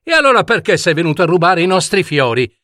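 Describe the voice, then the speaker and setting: Storybook prince, voiced by a man: high, eager, proud and defiant, dry close recording. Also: expressive, slow, no echo, heavily acted. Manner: eager, shouting challenges. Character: brave young prince, heated and proud.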